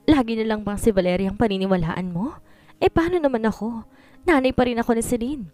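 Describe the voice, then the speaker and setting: A woman's voice: on the high side, a little fast, mellow, soft background music, close to an everyday voice. A woman voicing a scheming, jealous former mistress who whines and pleads, read as part of a story. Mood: whining.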